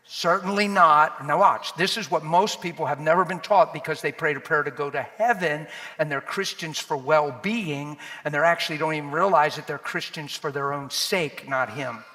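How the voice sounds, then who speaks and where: A middle-aged man preaching a sermon in a church, animated, dropping to low asides and rising to shouted exclamations. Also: moderate pace. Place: church hall. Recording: long hall reverb.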